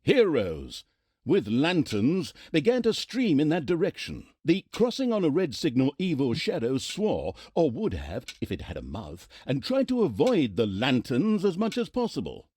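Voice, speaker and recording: A man's voice: a little high, huge pitch swings, moderate pace, darkish tone, slight background noise. A man narrating a video game in a mock-solemn, tongue-in-cheek manner. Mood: sardonic. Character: wry male storybook narrator of a game.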